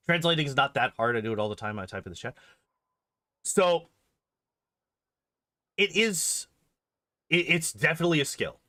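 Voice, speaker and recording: A bright, forceful, somewhat high male voice comes through a dry, studio-quality recording. The game streamer and video host chats casually and rambles on his livestream, emphatically repeating phrases to make his case.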